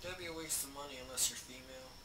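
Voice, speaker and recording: A man's voice: medium pitch, rapid-fire. A man chatting casually beside the player, offering offhand, knowing game tips. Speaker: friend watching the playthrough. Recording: distant voice with loud background noise.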